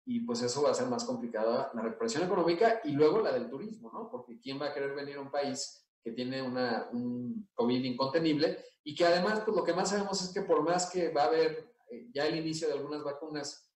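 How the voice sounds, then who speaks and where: A man's voice: mid-range voice, brisk, hardly any pauses. A middle-aged man with a Mexican accent gives an analytical conference talk over a video call, full of fillers and asides. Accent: Mexican Spanish. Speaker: conference speaker. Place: indoor room. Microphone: webcam on video call. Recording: echoey room, mic at a distance.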